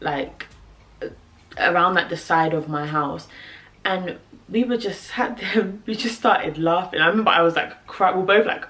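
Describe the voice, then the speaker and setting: A young British woman telling a personal story to camera, animated and laughing, with lots of fillers. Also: lowish voice, moderate pace. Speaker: vlogger.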